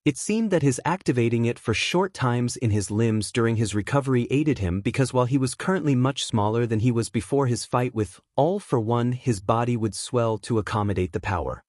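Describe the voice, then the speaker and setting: A man reading a fan story aloud as a narrator, in a steady, even storytelling manner. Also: mid-range voice, brisk, hardly any pauses, no echo, studio quality.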